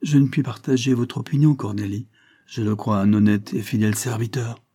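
Brief: gentle husband, voiced by a male reader, calm and even, warm husky tone. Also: mid-range voice, fairly quick, lightly acted. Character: mild conciliatory gentleman husband.

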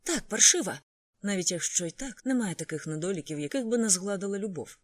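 An audiobook reader voicing a troubled, moody young woman, with a voice raised above their own and quick turns between teasing and defensiveness, read in a dry, close setting. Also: medium pitch, expressive, no echo, close to an everyday voice. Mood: self-reproaching. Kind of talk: audiobook character voice.

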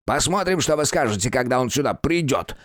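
A rowdy old grandfather shouts and brags from a cell, as a man voices him in an audiobook. His voice swings widely in pitch, and the recording is dry and close. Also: lively intonation, fairly quick, no room sound. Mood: shouting, taunting. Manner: yelling, taunting and boastful. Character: loud cantankerous old village grandfather. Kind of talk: audiobook character voice.

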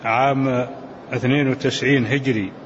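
An older man teaching a scholarly lesson, reading texts aloud and explaining them in a measured way, chanting the quotations in a lilt. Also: medium pitch, steady tone, long reverb tail. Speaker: sheikh teaching a commentary. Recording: dull, lo-fi recording with faint noise.

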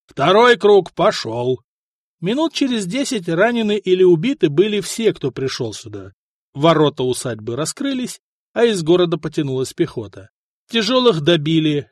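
A man narrates an audiobook with expressive, lively intonation. His voice sits slightly high and the recording is dry and close. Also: no room sound. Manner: expressive storytelling. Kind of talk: scripted narration.

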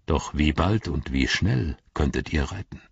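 A man voicing an ancient, wise wizard who speaks in a grave, measured, riddling way in an audiobook reading. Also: very deep voice, animated, vocal fry, slightly rough, dry recording, muffled recording, full character voice. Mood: solemn.

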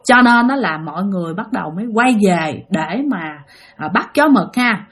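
A chatty woman with a Southern Vietnamese accent tells a ghost story aloud, speaking directly to her listeners. Her voice is animated, medium in pitch, and moves at a normal speed.

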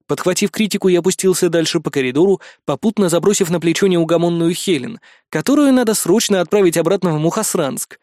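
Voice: mid-range voice, fast, few pauses, a little mellow, no room sound. Dry, sardonic storybook narrator. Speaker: audiobook reader. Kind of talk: first-person fiction narration.

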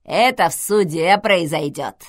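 A woman voicing a rude, creaky old woman speaking through an enchanted intercom, slow, loud and mocking. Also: lowish voice, no room sound, clean studio sound, close to an everyday voice. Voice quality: creaky, hoarse.

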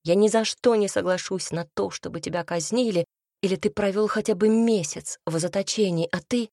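A woman's voice: medium pitch, brisk, dark tone, no room sound, clean studio sound, natural voice. Woman voicing a pleading young heroine. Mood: earnest. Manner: pleading, tearful, earnest. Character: young woman, self-sacrificing, tearful, pleading.

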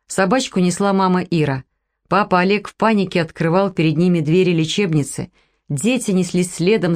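Woman narrator, low voice, playful expressive audiobook reading.

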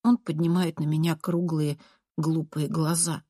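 A woman narrating a first-person audiobook in a calm, measured way. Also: low voice, slightly rough, dry recording, studio quality.

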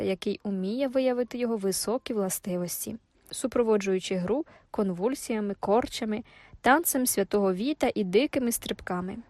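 A woman reading a classic novel aloud as an audiobook narrator, in a measured, even way. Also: mid-range voice, no room sound.

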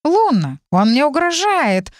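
A woman's voice: medium pitch, big pitch swings, normal speed, no room sound, studio quality, close to an everyday voice. A woman voicing a sly, sarcastic male cat familiar who talks in a purring, mocking way. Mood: alarmed.

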